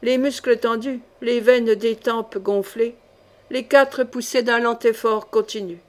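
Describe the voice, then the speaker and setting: A woman reading a novel aloud as an audiobook narrator, in a measured, dramatic storytelling manner. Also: fairly high pitch, steady tone. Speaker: audiobook reader.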